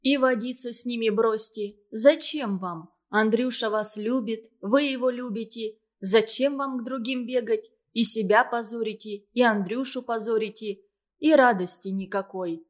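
A woman reading an audiobook, voicing an earnest young woman who scolds and moralizes loudly. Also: fairly high pitch, moderate pace, lightly acted. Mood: lecturing.

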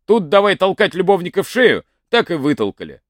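A man reading a folk tale aloud in an expressive storytelling manner. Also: high-pitched, brisk, no room sound, clean studio sound. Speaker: narrator.

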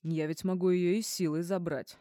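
A woman's voice: lowish voice, fairly even intonation, normal speed, mellow, dry recording, clean studio sound, close to an everyday voice. A woman voicing a drunk, jealous man who barks threats in an audiobook. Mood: menacing. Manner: barking, threatening.

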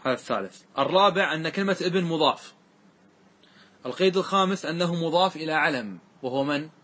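Man, lecturing on grammar, husky, slightly high voice, checks students often. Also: fairly bright tone. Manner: recites verses slowly and deliberately. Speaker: teacher of classical grammar. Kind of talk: classroom lecture.

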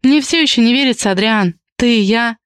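A woman reading an audiobook, voicing a lovestruck young woman in a lighter, higher tone. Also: fairly quick, smooth, dry recording, studio quality, lightly acted. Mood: wistful. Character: young woman, teasing yet tender, lovestruck.

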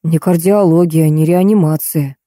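A woman's voice: low voice, normal speed, no echo, clean studio sound, lightly acted. A woman voicing a weary, gloomy male ambulance doctor in a storybook reading. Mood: grim. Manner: gloomy, flat.

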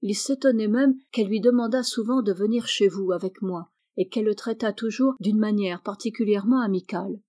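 A woman voicing a restless, impatient teenage boy who talks with excitement, from a storybook. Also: mid-range voice, a little fast, few pauses, natural voice.

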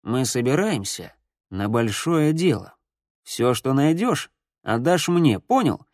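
A man voicing a tall, cold teenage boy who leads a gang and speaks slowly and quietly with threat. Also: medium pitch, sing-song, dry recording, clean studio sound. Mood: menacing.

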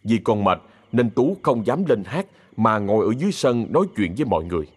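A man with a Southern Vietnamese accent narrating a ghost story in a lively, expressive way. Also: on the low side, brisk, slightly rough.

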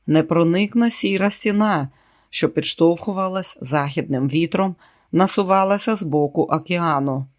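A male narrator giving a steady, dramatic reading of a novel. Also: fairly high pitch. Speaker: audiobook narrator. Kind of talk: scripted narration.

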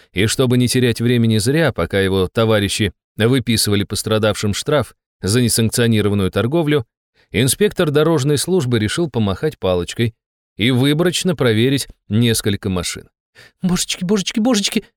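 A man narrating an audiobook in a lively, wry manner. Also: medium pitch, no room sound, studio quality.

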